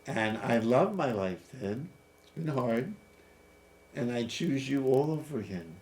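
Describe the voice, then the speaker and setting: A man's voice: mid-range voice, animated, measured pace, darkish tone. A man in his fifties hosting a casual, playful chat about scripture, musing aloud and laughing easily. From United States. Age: 50s. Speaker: host. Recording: faint background noise.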